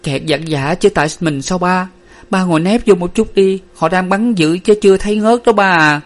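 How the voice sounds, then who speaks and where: A man's voice: sits high, normal speed, pitched above the performer's own voice, natural voice. A man voicing a frightened, grieving young daughter in a storybook reading, pleading and tearful. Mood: urgent pleading.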